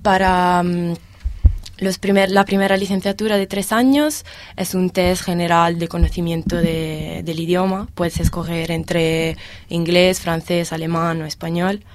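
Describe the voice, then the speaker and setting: A young woman in her twenties from Italy, speaking Spanish as a second language with an Italian accent, answering interview questions with pauses while she searches for words. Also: lowish voice, level tone, a little hiss or hum. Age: 20s. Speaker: guest, exchange student.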